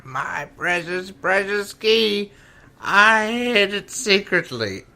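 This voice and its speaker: A man voicing a shrill, bitter old female witch in a slow, drawn-out reading during a let's play. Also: lively intonation, gravelly, pushed and bright, full character voice. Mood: mournful.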